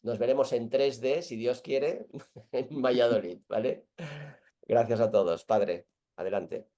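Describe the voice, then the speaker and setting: A man with an accent from Spain hosting an online group call, chatting informally in a halting, self-correcting way. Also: mid-range voice, dark tone. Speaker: host of an online group meeting. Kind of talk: casual chat.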